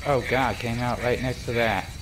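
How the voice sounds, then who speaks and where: A man's voice: mid-range voice, steady tone, normal speed, noisy background. A young man chatting casually as he plays a co-op video game with a friend. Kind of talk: casual co-op gameplay chat. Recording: faint game ambience behind.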